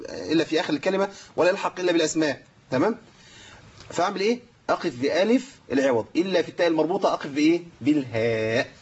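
Man, Egyptian Arabic accent, tajweed teacher, quizzes himself, fairly high voice, slightly husky. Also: muffled recording. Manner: explains by asking and answering himself. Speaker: Quran recitation teacher. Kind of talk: tajweed lesson with recited examples.

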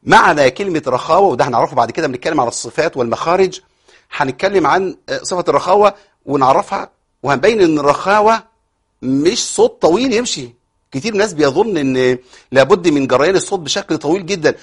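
A man's voice: fairly high pitch, animated, fast talker, slightly rough. A man with an Egyptian accent teaching a tajweed lesson, explaining rules, asking rhetorical questions and answering them himself. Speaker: Quran recitation teacher. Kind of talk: tajweed lesson with recited examples.

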